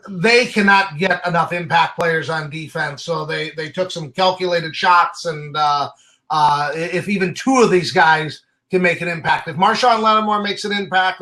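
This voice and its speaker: A man's voice: on the high side, bright, forceful tone. A man giving opinionated, casual sports commentary as a draft analyst.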